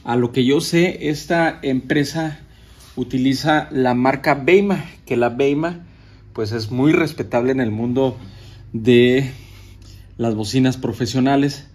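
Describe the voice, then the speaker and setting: A man with a Mexican Spanish accent talks in a mid-range voice through a casual show-and-tell of sound gear. His delivery is relaxed and chatty. He stops and restarts his phrases often as he handles the equipment. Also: medium pitch, unhurried.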